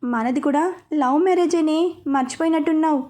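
A woman voicing a teasing middle-aged father in a storybook reading, slow and playful. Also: sits high, mellow, close to an everyday voice.

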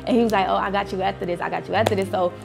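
Gravelly-voiced woman recounting drama. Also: mid-range voice, very fast. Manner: animated retelling with quoted dialogue. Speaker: reality show cast member. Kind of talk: confessional interview. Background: music.

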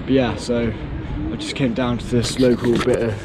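A man's voice: mid-range voice, steady tone, normal speed. A young man chatting casually into an action camera as he skates and walks through city streets, with lots of fillers and restarts. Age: young adult. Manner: chatty, filler-heavy, talking while skating and walking. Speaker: vlogger. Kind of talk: casual vlog narration. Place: outdoors on city streets, in a car and on trains. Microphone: action camera held close. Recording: loud street and traffic noise.

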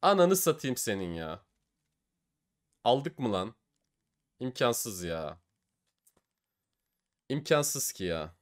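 Excitable young man narrating case openings. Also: mid-range voice, slow, long pauses. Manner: excitable, swings from cheering to despair, swears. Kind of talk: gaming commentary.

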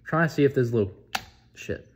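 An eighteen-year-old man from the United States chatting casually on a vlog, excitable, profane and rambling. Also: mid-range voice, a little fast, a little hiss or hum. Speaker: vlogger.

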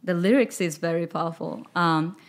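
A soft-spoken guest singer from Japan, in her thirties, gives a casual interview in accented English, often stopping to find words. Her pitch is on the low side. The setting is a studio with a record-covered wall, with a boom-arm studio microphone.

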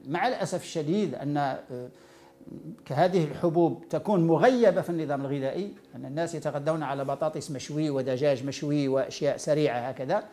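A man's voice: a little high, dark tone. A man with a Moroccan accent giving an informal health lecture, explaining by listing items one after another. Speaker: nutrition educator.

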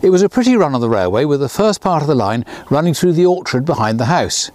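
Outdoors by a small railway, a sixty-something author reads his own children's story fast and with lively flair, lifting his pitch for the characters. The recording is dry.

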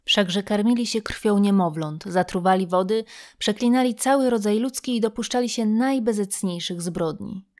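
Woman, audiobook reader, steady even delivery, scripted novel narration, mid pitch. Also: moderate pace, few pauses.

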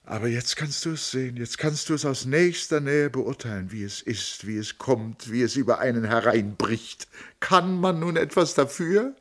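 A man's voice: normal speed, lightly acted. A man reading a novel aloud, voicing a desperate middle-aged woman who pleads and sobs. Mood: tearful lament. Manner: pleading, sobbing, rising to high breaks.

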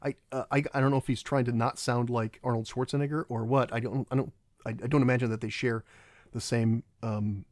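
A man's voice: medium pitch, fairly even intonation, darkish tone, no room sound. A man giving a casual, rambling film commentary, often stopping and restarting his sentences. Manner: halting and rambling, many restarts.

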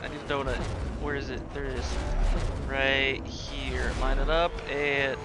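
A man giving casual live gameplay commentary, excitable and sweary, sometimes stammering. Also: mid-range voice, unhurried, music in the background. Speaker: live game streamer.

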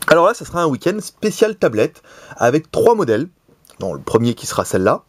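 A man's voice: on the high side, sing-song, brisk, no room sound. A man from Lyon with a put-on southern French accent, hosting a casual tech review in a chatty, joking way from an office. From Lyon, France. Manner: jokey, chatty, many fillers. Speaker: tech reviewer, show host. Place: office in Shenzhen.

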